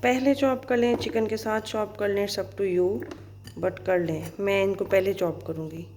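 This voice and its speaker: A woman in her thirties from Pakistan with a Pakistani Urdu accent, chatting fast and cheerfully in a casual vlog, then walking through a recipe at home. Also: mid-range voice, fairly even intonation, darkish tone, a little hiss or hum. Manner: fast-talking, chatty, laughs easily. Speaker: vlogger and schoolteacher. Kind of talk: casual vlog chat and cooking demo.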